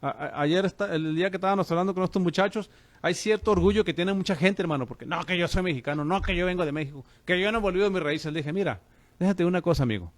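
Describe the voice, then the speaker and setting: A man's voice: high-pitched, quick pace, dry recording. A man preaching on the radio as a pastor and host, fervent and calling listeners brother.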